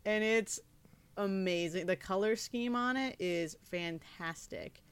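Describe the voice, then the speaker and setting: A woman's voice: medium pitch, slow, clear, resonant tone, no echo. A young woman co-hosting a podcast, chatting casually and teasing her co-host. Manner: teasing, playful. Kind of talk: casual chat.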